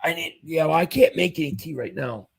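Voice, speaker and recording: Brisk and on the high side, a man's husky, fading voice reads viewer comments aloud during a casual sports livestream. He stays upbeat as a fan while his voice gives out.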